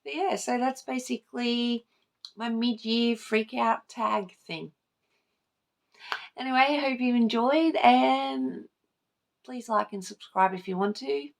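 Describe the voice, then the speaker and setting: A little high and gravelly, her voice moves at a slow pace. The book vlogger casually addresses her camera in a tag video, swearing and heaping praise on things she loves.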